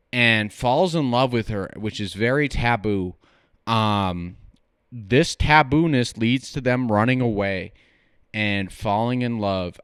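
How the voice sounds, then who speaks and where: A man's voice: medium pitch, fairly bright tone, clean tone, dry recording, studio quality. A man who is getting drunker as he gives casual, joking film reviews, rambling and stumbling over his words. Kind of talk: casual comic film tier-list commentary.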